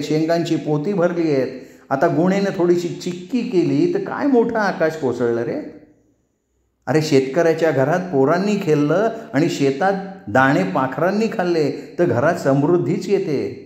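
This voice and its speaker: A man's voice: a little high, moderate pace, a little mellow, voice pushed up, close to an everyday voice. A man voicing an elderly village grandmother who scolds firmly, in a storybook reading. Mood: stern scolding. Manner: firm, scolding. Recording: roomy echo.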